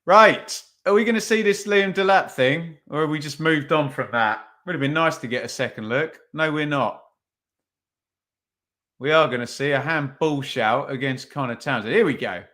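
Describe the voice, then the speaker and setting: A man's voice: a little high, moderate pace, fairly bright tone. A man hosting a podcast, giving casual live watch-along commentary on a football match, chatty and thinking aloud with tag questions. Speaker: podcast host.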